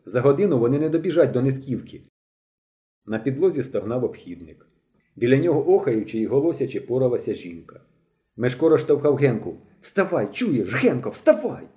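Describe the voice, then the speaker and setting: A man reading a novel aloud as an audiobook narrator, with an expressive, dramatic delivery. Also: medium pitch, brisk.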